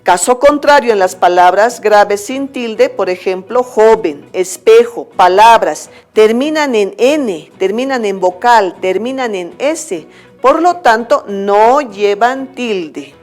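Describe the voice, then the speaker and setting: Slow, patient Bolivian woman teacher. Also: fairly high pitch, animated. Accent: Bolivian Spanish. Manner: patient, explains step by step, often checks with "¿ya?". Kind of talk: recorded school lesson.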